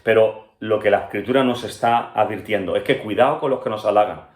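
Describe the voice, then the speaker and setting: A pastor from Spain with a Spanish accent, teaching an earnest Bible-study sermon that speaks straight to the listener and keeps checking in with him. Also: male voice, lowish voice, brisk, reverberant. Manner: earnest, addresses listener directly with frequent "¿vale?" and "¿verdad?".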